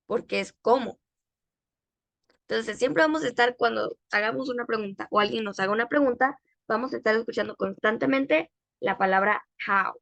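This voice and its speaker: Woman teacher, slightly high voice, dry close sound, slow drilled English phrases for repetition. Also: gravelly, a bit bright, no echo. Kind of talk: English lesson for Spanish speakers.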